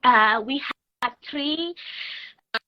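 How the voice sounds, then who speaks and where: A woman's voice: high-pitched, lo-fi sound. A woman in her thirties from Rwanda, a guest telling her life story in an interview, speaking carefully with many restarts. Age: 30s. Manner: careful, halting, repeats and restarts while explaining.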